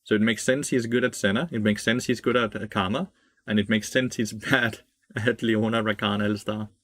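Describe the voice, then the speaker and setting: A man's voice: on the low side, steady tone, brisk, fairly bright tone, dry recording. A young man streaming a game, giving blunt, profane commentary, laughing and answering chat. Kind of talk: casual gameplay commentary.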